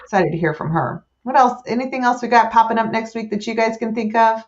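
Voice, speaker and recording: A woman's voice: on the high side, quick pace. Woman host, enthusiastic casual chatter, muffled call sound. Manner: chatty, enthusiastic, frequent fillers. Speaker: host of weekly staff wrap-up. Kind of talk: casual staff chat.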